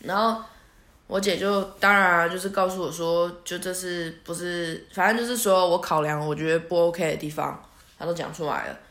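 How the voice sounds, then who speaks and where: A woman's voice: fairly low pitch, moderate pace, a bit bright. A young woman, hosting a podcast and telling a story in a chatty, self-mocking way. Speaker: podcast host. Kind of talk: casual storytelling monologue. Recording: echoey room.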